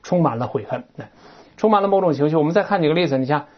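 A woman's voice: low-pitched, animated, very fast. A woman teaching an English textbook lesson, explaining words and grammar with chatty asides and rhetorical questions. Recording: dull lo-fi recording.

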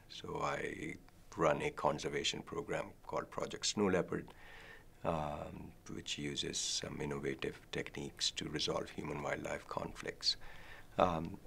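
Deep, gravelly-voiced man from Pakistan. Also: a bit bright. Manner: thoughtful, many ums and pauses. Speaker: guest, professor. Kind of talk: academic interview. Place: dark studio set, seated.

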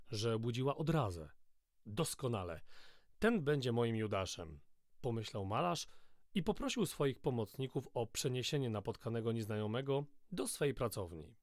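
A man reading a novel aloud in the first person, in a steady, measured storytelling voice, close to the mic. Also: medium pitch, dry recording. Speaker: audiobook narrator.

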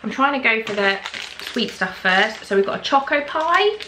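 A young English woman chatting excitedly as she tries snacks on her vlog at home, gasping at what she finds. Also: a little high, moderate pace, a little hiss or hum, rough recording. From England. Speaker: vlogger. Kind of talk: casual snack-tasting vlog.

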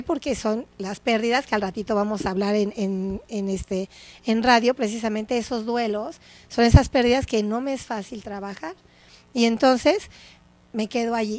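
A woman's voice: on the high side, darkish tone. A woman with a Mexican accent, a guest psychologist on an educational TV show, talking in a teaching way and often checking in with her listeners. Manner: didactic, checks in with tag questions. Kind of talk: educational TV talk.

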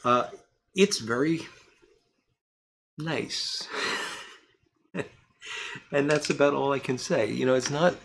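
A man's voice: mid-range voice, slow pace, gravelly, pauses often, noisy background. A man in his fifties chatting casually to camera from his home workshop, rambling and candid, with many restarts and fillers. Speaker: pipe tobacco reviewer. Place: home workshop room, indoors.

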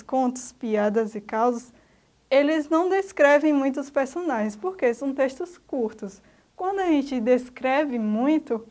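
A woman teacher with a Brazilian accent gives a slow, didactic grammar lesson to children and spells out letters one by one. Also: high-pitched, darkish tone. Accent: Brazilian Portuguese.

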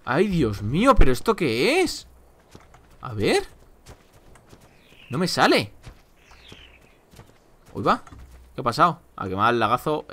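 Animated, exasperated young gamer. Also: male voice, a little high, measured pace, long pauses. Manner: exasperated, chatty, swears and exclaims often. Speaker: gameplay commentator. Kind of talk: casual game commentary.

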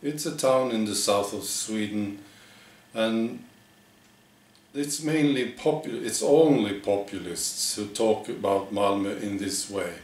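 A man in his forties presenting a parody news monologue in a deadpan, halting, mock-earnest way. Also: on the low side. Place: living room with bare walls, indoors. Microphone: camera a few metres away. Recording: echoey room, distant microphone.

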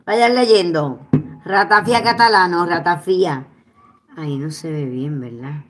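A Puerto Rican woman chatting casually with her followers at home, expressive and quick to swear. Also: on the low side, a little hiss or hum. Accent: Puerto Rican Spanish. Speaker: vlogger. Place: at home, indoors.

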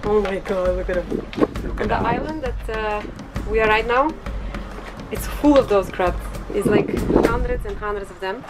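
A woman vlogger with a Bulgarian first language, excitedly explaining things to camera on a sailing boat. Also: mid-range voice, normal speed, long pauses, loud music behind the voice, low-quality recording. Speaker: vlogger, sailor.

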